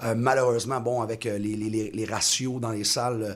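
A man in his thirties with a Québécois accent, a touring singer-songwriter chatting in a radio interview, rambling with many restarts and quick laughs. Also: on the low side, fairly even intonation. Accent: Québécois French. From Quebec. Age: 30s.

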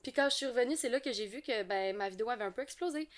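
A woman's voice: a little high, very fast. A woman from Quebec with a Québécois accent, a guest on a podcast, chatting in an easygoing way about making ASMR videos. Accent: Québécois French. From Quebec, Canada. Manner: easygoing, chatty, laughs often. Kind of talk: casual interview chat.

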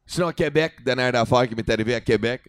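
A man's voice: medium pitch, fast, clear, resonant tone. A man comedian with a Quebec French accent telling a story in a casual talk, switching into English and swearing freely.

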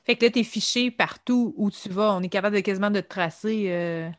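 A woman asks questions in a casual chat. She gropes for words with small fillers as she goes, and her voice sits at a middle pitch. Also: brisk. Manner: curious questioner with hesitant fillers. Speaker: interviewer. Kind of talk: casual conversation.

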